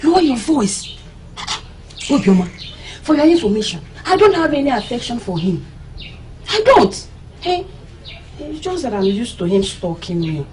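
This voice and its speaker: An actress playing a guarded young village woman who answers in a hushed, defensive way. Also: a little high, big pitch swings, normal speed, pauses often. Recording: noisy background.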